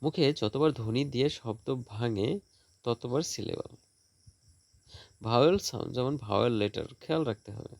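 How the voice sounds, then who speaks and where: A male teacher giving a school lesson, sounding out example words slowly, with a Bangladeshi Bengali accent. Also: medium pitch, vocal fry, darkish tone, dry recording. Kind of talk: classroom lesson for school students.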